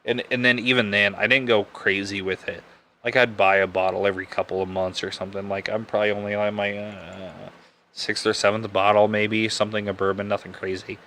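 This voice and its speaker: Reviewing bourbon on his podcast, a young man keeps things casual, like a live-stream chat, rambling a little and frequently correcting himself in a laid-back manner. He speaks briskly in a lowish, sharp-toned voice with little pitch movement, over slight background noise.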